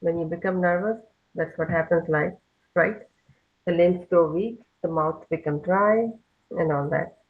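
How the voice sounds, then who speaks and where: A woman teaching a children's lesson over a video call, slowly leading call-and-response recitation. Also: fairly low pitch, slightly rough, narrow, tinny audio. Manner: slow, patient call-and-response chanting.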